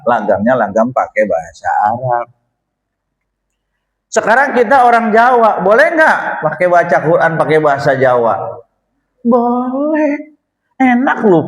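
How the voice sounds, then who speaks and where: A man's voice: on the high side, low-quality recording. A man teaching a Quran study group, chatty and joking, often asking his listeners questions. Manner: chatty, asks the audience questions, jokes often. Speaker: religious teacher. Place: small prayer hall, live gathering.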